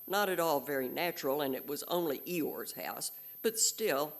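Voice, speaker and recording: A woman reading a storybook aloud and voicing a melancholy old male donkey in a slow, mournful way. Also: low-pitched, animated, vocal fry.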